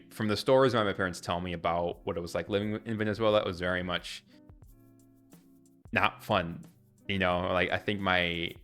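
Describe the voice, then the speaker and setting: A man's voice: lowish voice, fairly bright tone. A young man from Ecuador chatting candidly on a live stream, rambling and correcting himself as he answers viewers. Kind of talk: casual live-stream chat.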